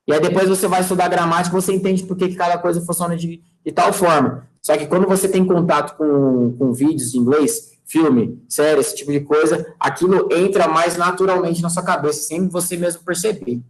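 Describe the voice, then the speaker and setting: A man's voice: on the high side, a little fast, few pauses, poor audio. A man with a Brazilian Portuguese accent teaching English in a casual classroom style. He keeps checking in with his students and drops folksy sayings as he goes. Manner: checks in with students constantly, asking "tá?" and "fechou?"; relaxed and chatty, using folksy sayings.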